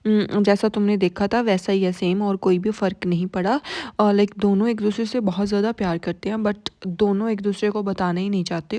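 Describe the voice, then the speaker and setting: A woman's voice: mid-range voice, dark tone, no echo. A young woman from India casually retelling a drama plot, chatty and full of fillers. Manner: conversational Hinglish with many fillers. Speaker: drama recap narrator. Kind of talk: casual storytelling recap.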